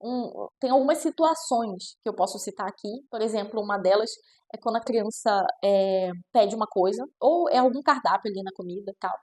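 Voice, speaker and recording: A woman's voice: mid-range voice, lively intonation, a little fast, darkish tone, breathy edge. A woman with a Brazilian Portuguese accent, a child nutritionist talking casually to camera and adding chatty tag questions as she goes. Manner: chatty, with frequent "né?" tags; acts out quoted parents in shifting voices. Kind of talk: reflective casual talk to camera.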